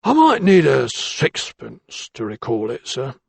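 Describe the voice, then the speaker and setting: In a heavily acted, sly performance, a man plays a timid, grasping working-class shopkeeper, an ironmonger with a thin, bleating voice who wheedles, defers, and keeps saying "sir." His mid-range voice swoops wildly in pitch at a measured pace, with vocal fry and a breathy edge, in a dry recording.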